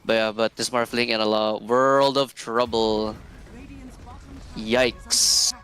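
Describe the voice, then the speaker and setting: Male esports co-caster, soft groggy e-boy tone, smooth, lazy relaxed drawl, casual delivery. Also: lowish voice, slow pace. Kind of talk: casual live video game commentary.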